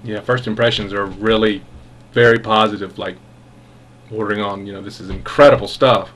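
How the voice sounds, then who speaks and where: A man giving a casual product review as a pipe tobacco reviewer, musing in an unhurried, halting way with savoring enthusiasm. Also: on the low side, steady tone, fairly bright tone.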